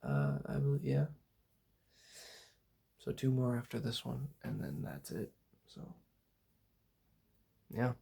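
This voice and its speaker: A young man talking softly in a loose, meandering ASMR ramble, laid-back and full of fillers. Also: mid-range voice, sing-song, slow, vocal fry, long pauses, slightly rough. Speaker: ASMR channel host. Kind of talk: soft-spoken ASMR rambling.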